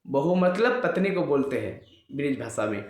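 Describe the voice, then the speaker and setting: A man telling a devotional story as a sermon, lively and acting out every character himself. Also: a little high, moderate pace. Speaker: religious storyteller. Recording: echoey room.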